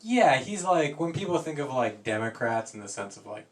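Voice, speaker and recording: A man's voice: medium pitch, very animated, normal speed. Young man rambling with lots of fillers. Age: young adult. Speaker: co-host. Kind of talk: casual chat. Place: college radio studio.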